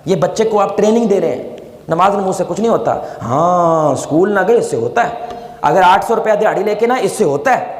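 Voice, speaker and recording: A man preaching a sermon, impassioned, swinging from loud, high appeals to low, hushed prayer and calling listeners his brothers. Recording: echoey hall with long reverb.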